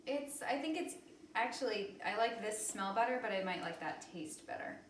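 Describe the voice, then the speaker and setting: A woman's voice: medium pitch, animated, normal speed, slight background noise. A woman co-hosting a whisky tasting, giving frank, blunt opinions in a casual, joking way. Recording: roomy sound from a distant mic.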